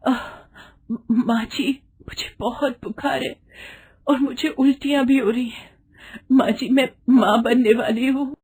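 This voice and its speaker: A woman's voice: sits high, steady tone, unhurried, a little mellow, slightly rough, pitched above the performer's own voice. A woman doing a timid, frightened young bride. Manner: timid, pleading, tearful. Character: meek, frightened young daughter-in-law.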